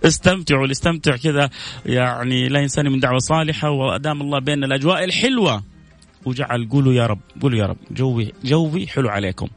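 A man's voice: medium pitch, racing, faint music behind. A man hosting a live stream, reading viewer messages and answering with blessings, prayers and light jokes. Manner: warm, preachy, heaps blessings, jokes with viewers. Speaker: host reading viewer comments.

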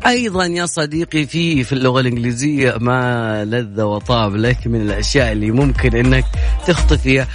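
Fast-talking radio host, man. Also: medium pitch. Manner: chatty, playful, fast-talking. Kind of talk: casual radio talk show.

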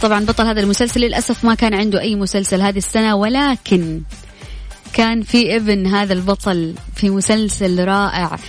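Over faint studio music, a Saudi Hejazi-accented woman hosts a live radio quiz at a quick pace with a steady tone and medium pitch. She's chatty and congratulatory, announcing questions, winners and prizes.

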